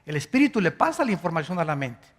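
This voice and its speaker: A man's voice: a little high, big pitch swings, fast. An older man preaching a sermon, teaching emphatically, spelling out words and asking rhetorical questions. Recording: long hall reverb.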